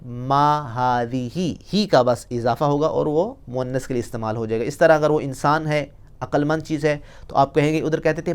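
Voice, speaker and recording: A man teaching an Arabic lesson, explaining patiently and pronouncing each example phrase slowly and deliberately. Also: a little high, clear, resonant tone. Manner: slow, drawn-out pronunciation of example phrases. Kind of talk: recorded language lesson.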